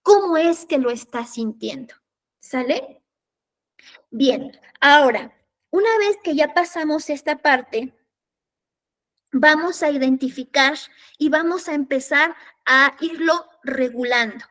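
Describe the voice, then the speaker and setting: Woman, high register, parenting workshop leader, explanatory tone with frequent check-ins. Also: slow, long pauses, fairly bright tone. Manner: explanatory, checks in with listeners through tag questions. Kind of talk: workshop lecture.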